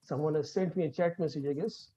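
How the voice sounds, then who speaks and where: Fast-talking man lecturing online. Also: on the high side, warm tone, breathy edge. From India. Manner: fast, earnest, many fillers and restarts. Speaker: guest speaker. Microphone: video call. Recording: dull lo-fi video call audio.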